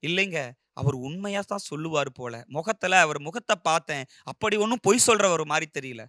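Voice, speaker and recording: Casting: man voicing a gentle wife, soft and hushed, dry close sound. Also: on the high side, animated, brisk, dry recording. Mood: pleading. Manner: soft, pleading. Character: gentle, tender-hearted young wife.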